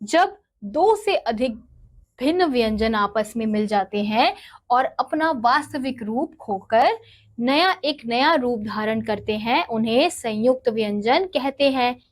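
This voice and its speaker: Slow, patient woman teaching letters. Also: a little high, expressive. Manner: patient, asks and answers her own questions; spells out letters slowly one by one. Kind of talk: explanatory grammar lesson.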